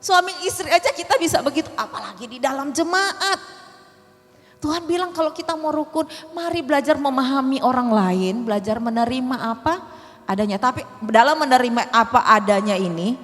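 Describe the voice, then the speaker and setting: A middle-aged woman from preaches a sermon in a relaxed, chatty way. She talks quickly and her voice sits fairly high. The sound carries a long reverb from a church hall. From Manado, Indonesia. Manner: fast, often high-pitched, lively talk. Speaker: evangelist preacher. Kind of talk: conversational sermon.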